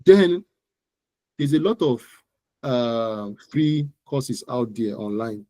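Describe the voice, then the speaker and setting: Speaking slowly and expressively at medium pitch with a dark tone, a Nigerian-accented man explains topics as an expert guest in an interview. He's emphatic and instructive yet conversational, frequently repeating phrases. The recording is dry.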